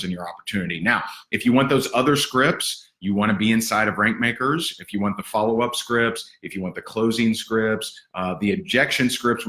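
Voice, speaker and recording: A man giving a livestream sales training, punchy, energetic and sarcastic. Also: lowish voice, echoey room.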